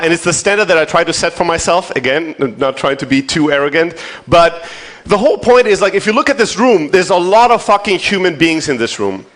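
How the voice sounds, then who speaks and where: A German man in his thirties delivers an informal, motivational conference keynote, swearing freely, poking fun at himself and checking in with the audience. His voice is slightly high and fairly bright.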